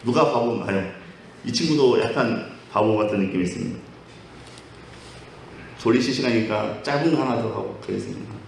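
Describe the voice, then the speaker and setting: A man's voice: lowish voice, a little fast, vocal fry, long pauses, slight background noise. A male pastor telling humorous stories during a sermon and acting out the characters' lines. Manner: storytelling, acting out dialogue. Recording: very echoey hall, mic at a distance.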